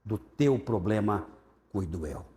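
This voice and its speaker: A man acting out a burly, stern male pastor who speaks in slow, firm, low pronouncements. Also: expressive, mellow. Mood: commanding. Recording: roomy church hall reverb.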